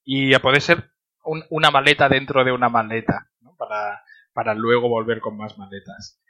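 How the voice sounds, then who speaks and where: A man's voice: medium pitch, little pitch movement, normal speed, bright, forceful tone, dull audio. A man chatting casually as a podcast panellist, repeating phrases for emphasis. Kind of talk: casual chat.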